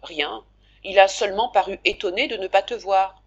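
A woman voicing a gentle, caring young man who scolds his brother softly and affectionately, in a storybook reading. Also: mid-range voice, normal speed, husky, dull audio. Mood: coaxing.

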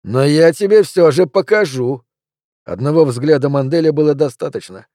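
A man reading a novel aloud in measured, even narration. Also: medium pitch, no room sound, clean studio sound. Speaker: audiobook reader. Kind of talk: scripted narration.

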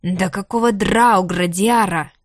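A woman voicing an ancient, weary male dragon, speaking slowly and heavily with a rumbling tone. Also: little pitch movement, creaky, dry recording, studio quality, lightly acted. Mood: roaring. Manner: slow, heavy, rumbling.

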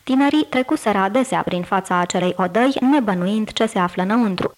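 A woman reading a literary tale aloud in a deliberate, expressive manner, slowing words for emphasis. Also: mid-range voice. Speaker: audiobook reader. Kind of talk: scripted literary narration.

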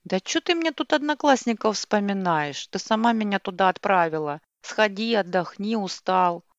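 A woman voicing an angry young husband who snaps and shouts back at his wife, in a dull, dry lo-fi recording. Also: medium pitch, lively intonation, moderate pace, dry recording, lightly acted.

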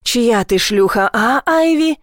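A woman voicing a rough, possessive man with a hoarse, growling voice in an audiobook, speaking slowly and menacingly. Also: a little high, expressive, no room sound, clean studio sound. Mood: commanding. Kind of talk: audiobook character voice.

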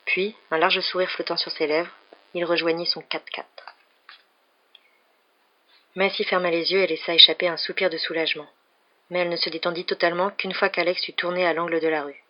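A woman reading a novel aloud for an evening reading show, in a steady storytelling manner. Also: fairly low pitch, brisk, long pauses, dull audio. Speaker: reader.

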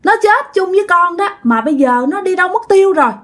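A woman voicing the ghost of a wronged young woman, pleading in a high, tearful wail. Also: sing-song, normal speed. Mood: desperate.

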